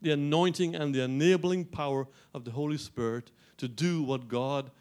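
A middle-aged man from Guyana preaching a sermon as pastor, animated, with frequent restarts and rising emphasis. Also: fairly high pitch, moderate pace.

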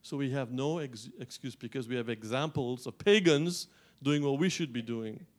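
A middle-aged man from Guyana preaches to his congregation in an animated way. His voice sits at an everyday middle pitch, and he often restarts phrases before building to emphatic peaks. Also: normal speed. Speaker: pastor. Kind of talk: sermon.

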